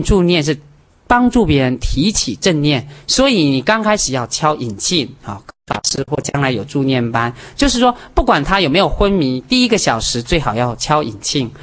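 Man, Buddhist teacher giving a dharma talk, lively swooping intonation, emphatic and direct with the audience. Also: fairly high pitch. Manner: animated and emphatic, counting off points, talking straight to listeners.

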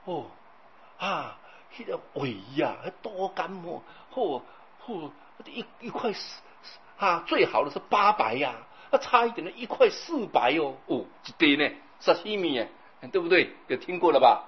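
A man's voice: on the high side, animated, normal speed, breathy edge, voice pushed up. A man quoting a boastful neighbor man who brags about expensive food, on a dull lo-fi recording. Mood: bragging. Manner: bragging, chatty.

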